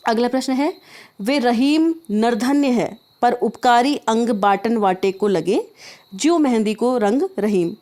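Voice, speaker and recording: Lady teacher going through exam questions, fairly high voice, checks in a lot as she explains. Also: mellow. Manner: explains step by step, keeps checking in. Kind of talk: exam prep lesson.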